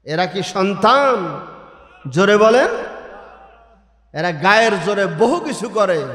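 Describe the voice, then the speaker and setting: Male preacher, high voice, slow, shouts and chants a sermon through echoey loudspeakers. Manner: shouting, chanting, calls on the crowd to answer aloud. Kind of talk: Bengali waz sermon with sung Quran recitation. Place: large outdoor religious gathering.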